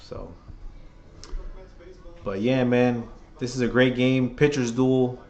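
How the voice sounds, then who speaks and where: Man, hoarse, casual fan play-by-play host, rambling and opinionated. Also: lowish voice, muffled recording. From New York. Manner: rambling, opinionated, restarts phrases often. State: hoarse, losing his voice.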